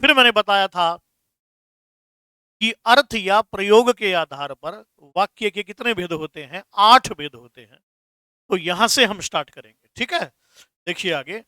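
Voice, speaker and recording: High-voiced, slow-talking male teacher. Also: animated, sharp tone, clean tone, no echo. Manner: explains slowly, repeats terms, calls students "beta". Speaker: Hindi grammar teacher. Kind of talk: classroom lesson.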